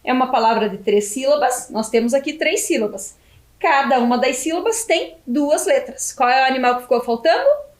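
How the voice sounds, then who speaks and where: A Brazilian Portuguese woman teaching a video lesson for young children, slowly stretching syllables as she spells words out. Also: high-pitched, lively intonation, echoey room. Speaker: primary school teacher.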